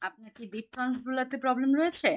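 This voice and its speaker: A woman's voice: high voice, quick pace. A woman teaching an online German class, patiently quizzing her students on pronunciation over a video call.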